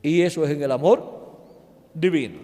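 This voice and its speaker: A male preacher retelling a dream account in a sermon, halting and correcting himself as he goes. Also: a little high, dark tone. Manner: halting, with restarts and self-corrections. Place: church hall. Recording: long reverb of a large hall.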